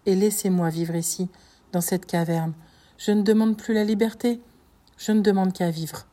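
A woman's voice: mid-range voice, fairly even intonation, moderate pace, mellow, lightly acted. A starving ruined banker begging for his life, read by a woman. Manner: desperate begging. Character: starving ruined male banker, pleading and terrified. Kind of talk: audiobook reading.

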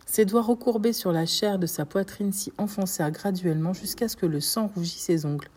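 Female audiobook narrator, dark warm voice, measured dramatic telling. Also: medium pitch, breathy edge. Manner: steady, dramatic storytelling. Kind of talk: scripted narration.

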